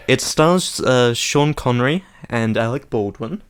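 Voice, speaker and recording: Man, podcast co-host, mid-pitched voice, slow, wry, laughing. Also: animated, clear, resonant tone. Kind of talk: casual chat.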